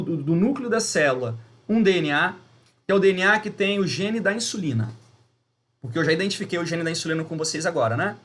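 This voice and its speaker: A biology teacher with a Brazilian Portuguese accent gives a video lesson, explaining things step by step. His voice is high-pitched and fairly bright, and his manner is emphatic and didactic, with frequent rhetorical questions and check-ins with his listeners.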